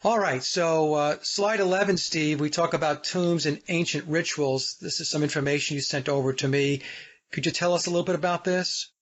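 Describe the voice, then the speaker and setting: A man from the United States hosting a podcast, speaking deliberately, guiding the talk and addressing his listeners directly. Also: a little high, fairly bright tone. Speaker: podcast host. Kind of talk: casual podcast interview. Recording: dull lo-fi audio.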